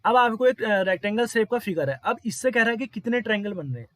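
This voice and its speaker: A man's voice: high-pitched, lively intonation, fast talker, fairly bright tone. A man teaching exam figure-counting problems step by step, counting aloud and often quizzing his listeners.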